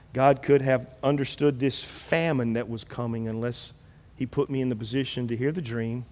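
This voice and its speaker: A man preaching a sermon as pastor, animated and acting out quoted biblical figures in his own voice. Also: medium pitch, big-room sound.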